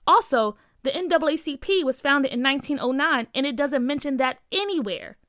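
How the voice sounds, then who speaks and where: A woman's voice: sits high, animated, a little fast, a bit bright, no room sound, studio quality. A woman voicing an earnest, outspoken young schoolgirl who asks insistent questions in a storybook reading.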